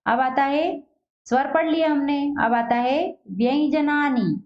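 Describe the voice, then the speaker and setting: A woman's voice: sits high, muffled recording. Female teacher asking and answering herself. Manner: asks questions then answers them herself, repeats each word slowly. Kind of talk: classroom lesson for children.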